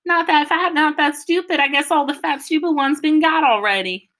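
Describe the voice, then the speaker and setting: A woman's voice: sits high, normal speed, a bit bright, pitched above the performer's own voice. A woman voicing a chatty, friendly country boy from Arkansas with a rural Southern drawl. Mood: boastful, chatty. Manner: eager, drawling, talks nonstop. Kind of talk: audiobook character voice.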